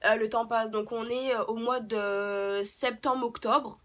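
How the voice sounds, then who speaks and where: A woman's voice: on the high side, steady tone, measured pace, fairly bright tone. A young woman telling a personal story unscripted in a vlog, hesitant, with many fillers and restarts. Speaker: beauty vlogger.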